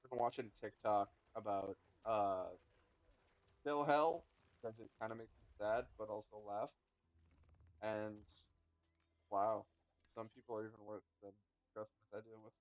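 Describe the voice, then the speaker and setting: A man's voice: fairly low pitch, fairly even intonation, a little slow, long pauses, no echo, poor audio. A man streaming a game, chatting casually and rambling between moves, swearing now and then. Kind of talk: casual gameplay chat.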